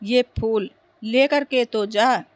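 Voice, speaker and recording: Woman voicing a calm village goddess. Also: fairly high pitch, slow. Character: kindly village goddess granting boons.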